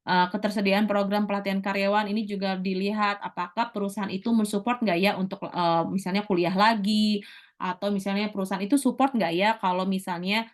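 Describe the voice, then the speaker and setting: A middle-aged woman teacher giving a casual lecture, talking quickly with many fillers and restarts. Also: medium pitch, steady tone.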